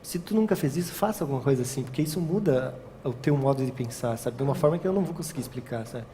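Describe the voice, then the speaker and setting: A young wedding photographer rambles through a casual interview, restarting sentences and tagging many of them with "sabe?" His medium-pitched, warm voice is fast with lively intonation, and the recording carries long reverb and faint ambient noise.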